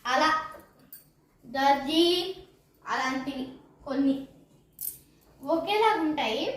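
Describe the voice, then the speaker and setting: A woman teaching patiently and slowly, repeating each point and quizzing the viewer with questions. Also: high-pitched, expressive. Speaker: Hindi teacher. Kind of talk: slow step-by-step teaching. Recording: roomy, distant from mic, faint noise.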